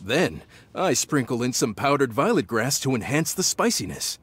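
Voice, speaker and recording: An actor voicing a friendly, proud restaurant chef in an anime-style video game, hearty and welcoming. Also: male voice, mid-range voice, big pitch swings, moderate pace, fairly bright tone, slight background noise. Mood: proud, inviting.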